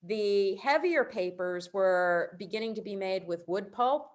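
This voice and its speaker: A middle-aged woman speaks over a video call, walking her audience through artists' prints. She sounds warmly enthusiastic and informal, with relaxed asides and quick self-corrections. Her voice sits at an ordinary middle pitch. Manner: warm, enthusiastic explaining. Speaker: printmaker presenting artists' work. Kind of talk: virtual presentation talk.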